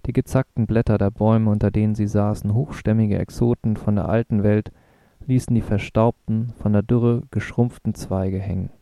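Male audiobook narrator, gravelly, dark-toned, dry close sound. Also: lowish voice, little pitch movement, normal speed, dry recording. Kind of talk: scripted narration.

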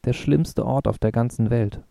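A man's voice: mid-range voice, moderate pace, vocal fry, dark tone, no echo, clean studio sound, close to an everyday voice. A man voicing a blunt, wry young male student in a read-aloud story.

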